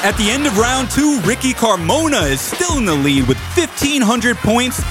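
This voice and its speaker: A man's voice: extremely high pitch, very animated, normal speed. A man hosting a quiz show in a big prize-announcer delivery. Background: music.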